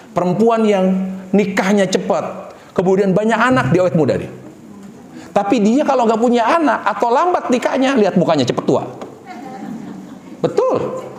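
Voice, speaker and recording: A man's voice: roomy sound, slight background noise. A male preacher giving a humorous sermon to a congregation, acting out quoted lines with big jumps in voice. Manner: animated, jumps high in pitch and acts out wife and husband in quoted lines.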